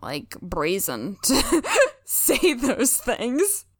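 A woman's voice: on the high side, wildly swooping pitch, extremely slow, no echo, clean studio sound. A woman co-hosting a podcast, casually and reflectively discussing a TV episode, with many "like"s. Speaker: podcast co-host.

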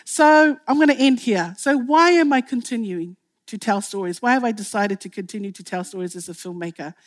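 A woman from Tonga, a filmmaker giving an impassioned public speech. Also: mid-range voice. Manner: impassioned, rising to emphatic outbursts. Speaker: filmmaker speaking on a panel.

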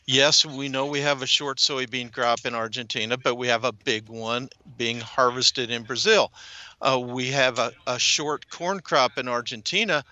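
A man working as a commodities economist, giving a measured market analysis in an interview with occasional fillers. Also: mid-range voice, fairly even intonation, bright, forceful tone, no room sound, muffled recording.

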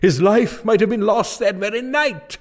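A man's voice: high voice, normal speed, darkish tone. An actor playing a pompous, bumbling, gluttonous medieval king in a comic drama, wordy and dithering. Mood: pompous, grandiose. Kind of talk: comic audio drama acting.

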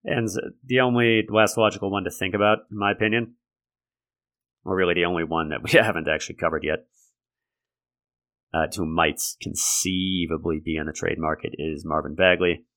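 Raspy, gravelly low-voiced man. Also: steady tone, normal speed, fairly bright tone. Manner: conversational, analytical. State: raspy from a lingering respiratory infection. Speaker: podcast host. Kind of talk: sports commentary monologue.

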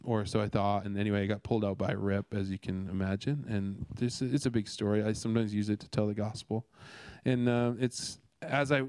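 A man's voice: lowish voice, a little mellow, clean tone, no echo. A man from Canada giving a casual devotional talk, earnest and rambling, with many restarts and fillers. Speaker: speaker sharing a devotional.

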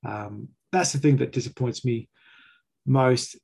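A man's voice: medium pitch, a little slow, vocal fry, a little mellow, slightly rough. An Australian man hosting a fan sports chat, giving critical, emphatic opinions in colloquial language. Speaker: fan podcast host.

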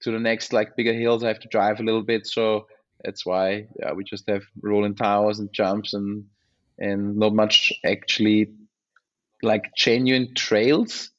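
Low, even-voiced Austrian man, slightly dull recording. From Austria, small village. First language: German. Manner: hesitant, halting, searching for words. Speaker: interview guest, mountain bike rider. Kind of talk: casual chat.

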